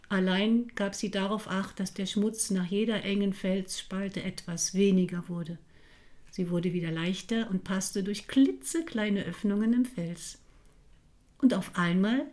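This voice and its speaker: Slow, gentle woman reading a children's story. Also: mid-range voice.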